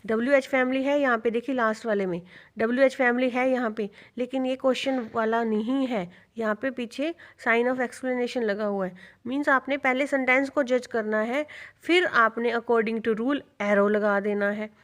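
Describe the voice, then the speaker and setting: A woman's voice: a little high, normal speed. A woman teacher giving a revision lecture, explaining step by step and answering her own questions. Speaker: English teacher.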